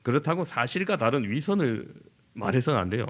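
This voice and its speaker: A middle-aged man from southern Korea, a senior pastor preaching a sermon in an animated way and acting out everyday conversations. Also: medium pitch, fairly quick. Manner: animated, acts out everyday dialogue in lively voices.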